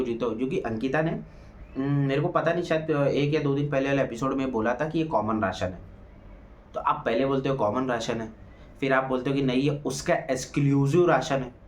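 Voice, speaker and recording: A man giving a casual spoken review of a reality show episode. He talks animatedly, asks rhetorical questions, keeps saying "ठीक है", and raises his voice to act out quoted lines. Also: medium pitch.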